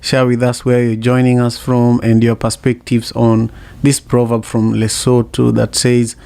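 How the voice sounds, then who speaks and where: Gravelly flat-voiced male host. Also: mid-range voice, a little slow, dry recording. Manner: relaxed, inviting the next speaker. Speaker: podcast host. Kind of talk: casual group discussion.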